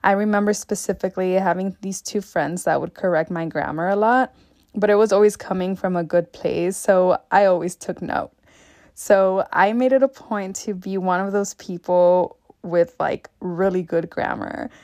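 This podcast host, a young woman from Mexico and Texas, speaks at a normal pace in a low-leaning, slightly mellow voice. She tells personal stories candidly and casually, swearing now and then, and the studio-quality audio has no echo.

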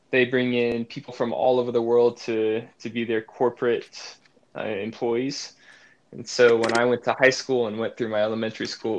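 A man in his twenties from Arkansas, with an American accent free of Southern twang, chatting casually as a podcast guest. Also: medium pitch. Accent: American without Southern twang. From northwest Arkansas, United States. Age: 20s. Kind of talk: casual interview chat.

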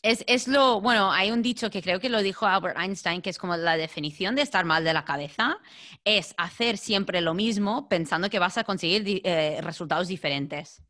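A woman's voice: lowish voice, normal speed, sharp tone. A woman hosting a podcast in an informal, conversational way. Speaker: podcast host. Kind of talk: casual podcast interview chat.

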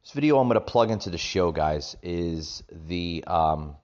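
A man hosting a political commentary podcast, speaking haltingly and repeating phrases for emphasis, recorded with echo in a makeshift room setup. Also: deep voice, animated, darkish tone, highs cut off. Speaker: podcast host. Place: echoey room in a vacation rental. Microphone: makeshift setup without usual equipment.

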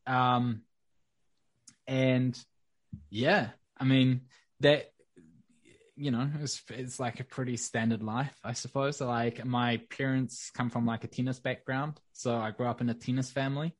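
A young man from New Zealand with a New Zealand accent, chatting casually as a podcast guest in a relaxed, rambling way. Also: mid-range voice, a little slow, no echo. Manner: relaxed, rambling with many fillers. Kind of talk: casual interview.

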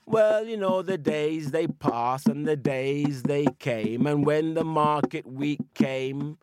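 A man telling a folk tale in an unhurried, rhythmic way, with conversational asides. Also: fairly high pitch, darkish tone, clear, resonant tone, no echo. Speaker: storyteller. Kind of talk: oral folk-tale storytelling.

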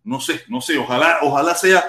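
A man's voice: on the high side, fairly quick, sharp tone, reverberant. A man with a Cuban accent hosting a casual livestream and reading viewer comments. He rambles, repeats himself and curses crudely. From Cuba. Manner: rambling and repetitive, crude cursing. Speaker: livestream host.

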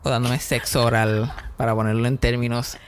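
A young man with a Puerto Rican accent, hosting a podcast and telling comedic stories in a casual, animated way, mixing in English words. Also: mid-range voice, moderate pace, slight background noise. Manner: animated, mixes in English words, acts out scenes. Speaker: podcast host.

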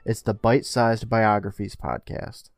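A man hosting a podcast, reading announcements and retelling TV scenes in an animated way. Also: lowish voice, a little slow, creaky, no echo, studio quality. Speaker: podcast host. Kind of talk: casual podcast recap and announcements.

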